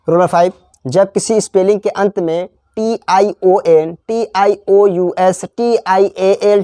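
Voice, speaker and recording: A man teaching a spelling lesson. He spells out letters slowly, repeats each example word, and slips into chatty asides. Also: sits high, dark tone, dry recording. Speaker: English teacher. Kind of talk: classroom-style spelling lesson.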